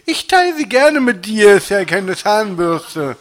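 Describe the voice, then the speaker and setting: A playful young woman teases in a high, lilting voice, as a male reader puts her on. She sounds sly and cheerful. It fits a storybook read aloud. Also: big pitch swings, measured pace, a bit bright, heavily acted. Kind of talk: storybook reading.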